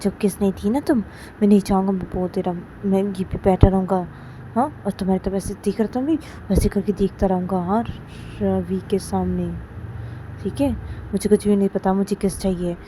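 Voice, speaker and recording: Brief: woman playing a stubborn flirt who murmurs low and won't back down. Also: steady tone, normal speed, warm tone, slight background noise, close to an everyday voice, poor audio. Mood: flirty.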